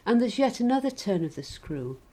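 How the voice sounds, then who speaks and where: A woman preaching a sermon in a measured, gently wry reflective way. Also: on the high side, very animated, poor audio.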